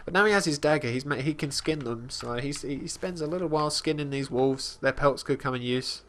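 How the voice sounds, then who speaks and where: A man casually commenting on his gameplay as host, talking about his character in third person with halting restarts and fillers. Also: fairly high pitch, fairly bright tone, slight background noise. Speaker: let's play host.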